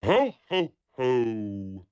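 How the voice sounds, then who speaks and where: A woman using a deep pitch-shifted voice changer to play a jolly Santa-like old man with a slow, mocking ho-ho-ho. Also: big pitch swings, a little mellow, clear, resonant tone, no room sound, muffled recording, exaggerated voice.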